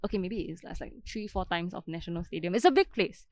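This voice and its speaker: A woman's voice: on the low side, lively intonation, quick pace, no echo. A woman with a Singaporean accent tells stories in casual Singlish, dropping particles like lah and eh as she chats. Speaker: podcast co-host. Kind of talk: casual chat, telling travel stories.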